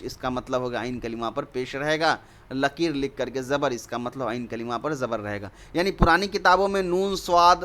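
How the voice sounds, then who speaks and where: A man's voice: a little high, sharp tone. A man with an Indian Urdu accent teaching an online Arabic grammar lesson, explaining step by step and mixing in English words.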